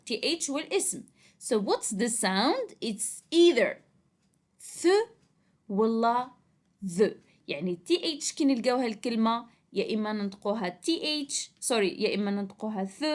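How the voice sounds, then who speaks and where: Woman teacher, young adult; unhurried, slightly high voice for a kids' English lesson. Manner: switches between slow drilled English and rapid Arabic explanation. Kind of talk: classroom lesson for kids.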